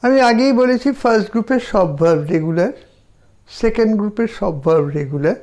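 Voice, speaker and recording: A man with a Bengali accent teaching a language lesson, slowly drilling verb forms for listeners to repeat. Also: high voice, lively intonation, a little mellow. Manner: slow, deliberate drilling of verb forms for repetition. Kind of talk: slow spoken language lesson.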